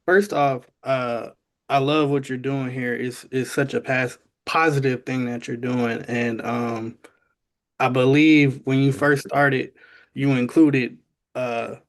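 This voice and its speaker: Earnest man speaking up from the audience. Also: medium pitch. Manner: hesitant, with many ums and restarts, earnest. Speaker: audience member asking a question. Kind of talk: earnest spoken comment.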